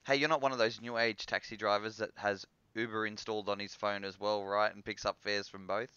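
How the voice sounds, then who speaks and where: A man's voice: lowish voice, level tone, fairly quick, sharp tone, clear, resonant tone, no room sound, dull audio. A man hosting a live stream, teasing and laughing in casual chat. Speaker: host.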